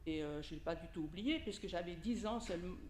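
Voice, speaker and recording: She talks fast, her low-leaning voice a little mellow, in a roomy space with slight background noise. The native Italian speaker from Italy is a lay preacher giving an informal sermon at a church hall service, conversationally addressing listeners with questions and asides.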